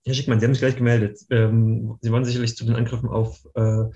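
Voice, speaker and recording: A man's voice: mid-range voice, flat delivery, quick pace, mellow, dull audio. A man moderating a panel discussion, handing the word to the next speaker.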